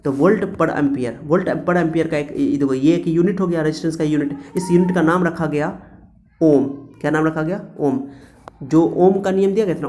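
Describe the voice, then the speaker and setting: A man teaches a physics lesson on his terms. His voice sits a little high and sounds mellow. He drills each point by repeating it and answering his own questions. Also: a little hiss or hum. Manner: repetitive, coaxing, asks and answers own questions. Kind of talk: classroom-style physics lecture.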